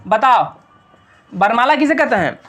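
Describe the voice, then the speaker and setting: Young male teacher, very high voice, quizzes the class with repeated call-and-response questions in a classroom. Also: lively intonation, moderate pace, fairly bright tone. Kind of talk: classroom grammar lesson.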